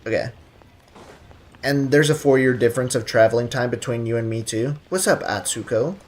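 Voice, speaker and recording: At a moderate pace and in a rumbling low voice, a woman streams a video game with casual, slangy, sarcastic commentary. Faint game music plays behind her.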